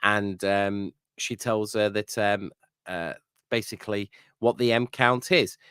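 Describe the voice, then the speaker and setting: A man's voice: on the low side, fairly even intonation, slow, a bit bright, smooth, no room sound, clean studio sound. A man co-hosting a podcast, casually recapping an episode with lots of fillers and "you know what I mean" tag questions. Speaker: podcast co-host. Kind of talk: casual episode review chat.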